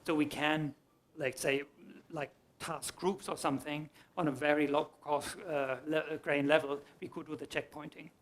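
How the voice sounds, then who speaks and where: Fairly high-voiced man taking questions. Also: flat delivery, moderate pace. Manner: explanatory, restarts mid-sentence. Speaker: conference speaker. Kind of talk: answering audience questions. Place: conference hall.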